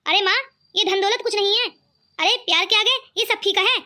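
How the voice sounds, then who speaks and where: A woman's voice: very high voice, fairly quick, sharp tone. Woman voicing a kind teasing young man. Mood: pleading. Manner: pleading, lightly teasing. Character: kind cheerful young man defending his sister-in-law.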